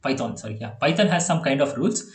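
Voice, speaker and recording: A man with an Indian English accent tutoring a child in programming on a video call, chatty and quick to laugh. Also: a little high, lively intonation, reverberant. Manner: chatty, laughs often, repeats okay and yeah. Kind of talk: online one-on-one coding lesson.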